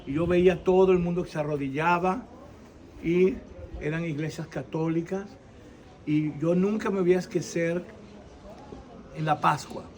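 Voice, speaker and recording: A man in his sixties from Venezuela giving a lively faith testimony in an interview, acting out the people in his story and pausing to search for words. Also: on the high side. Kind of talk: animated personal testimony.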